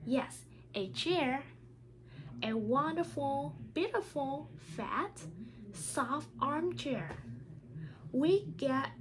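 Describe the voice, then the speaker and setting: Reading a children's storybook aloud as a teacher might, a woman speaks non-native English carefully and haltingly. Her voice sits high, and the recording is of poor quality.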